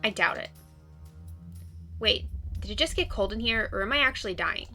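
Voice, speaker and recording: A woman's voice: mid-range voice, lively intonation, normal speed, pushed and bright, soft background music. A woman voicing a grumpy, bitter young loner in a visual novel, with a sullen, dry, complaining delivery. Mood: irritable.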